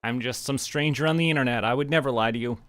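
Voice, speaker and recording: This Canadian streamer talks quickly in a mid-range voice with a fairly bright tone and no room sound. He keeps up easygoing commentary for viewers and himself while gaming.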